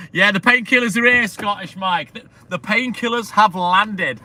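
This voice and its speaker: A man chatting casually to his live-stream viewers, upbeat and full of slang. His voice sits high and sounds bright and forceful. Faint traffic hums behind him outdoors. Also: normal speed.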